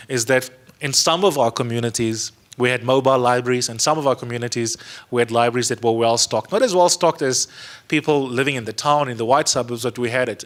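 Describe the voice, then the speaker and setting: Seated listeners fill a museum auditorium as a thirty-something South African man, first language Afrikaans, gives an earnest panel speech to young people. He grips a handheld mic and leans on repeated words for stress, his mid-range voice carrying a fairly bright tone.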